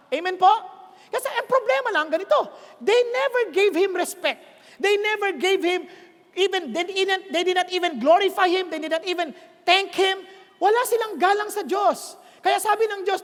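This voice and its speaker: A man with a Filipino accent preaching a sermon in Tagalog and English, often stopping to check that his listeners are following and rising to emphatic shouts on key points. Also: extremely high pitch. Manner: keeps checking on listeners with quick questions. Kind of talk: Taglish sermon. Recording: long hall reverb.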